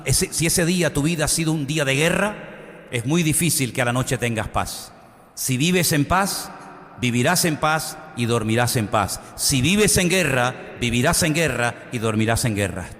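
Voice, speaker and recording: A pastor preaching a sermon, reading scripture aloud with dramatic rises and drops in his voice. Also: in a large hall. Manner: dramatic preaching with sudden swings in pitch and loudness.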